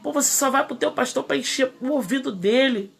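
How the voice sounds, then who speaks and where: Fiery woman pastor with a gravelly voice. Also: high voice, a little fast. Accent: Brazilian Portuguese. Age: 30s. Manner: fiery, indignant, preaching in rising bursts. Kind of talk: impassioned sermon.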